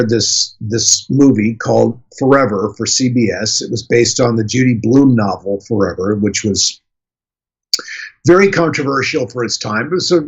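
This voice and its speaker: A husky-voiced Canadian-born man in his sixties, guesting on a radio interview and telling his story in a halting, restarting way. His voice sits mid-range and comes through a dull, muffled line. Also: medium pitch. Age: 60s. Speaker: guest actor. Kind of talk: casual interview.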